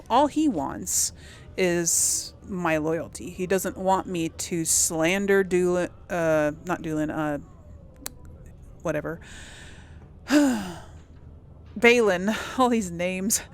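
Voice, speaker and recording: Thinking aloud to herself at a slow pace, this woman rambles hesitantly through casual commentary for her role-play let's-play series. Her pitch is fairly low, and clear background noise from the game ambience runs underneath.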